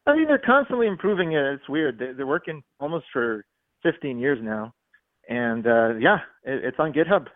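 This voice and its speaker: A man calling in to a radio talk show, speaking over a phone line and rambling, halting often with fillers. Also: medium pitch, very animated, no echo. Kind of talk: call-in radio chat.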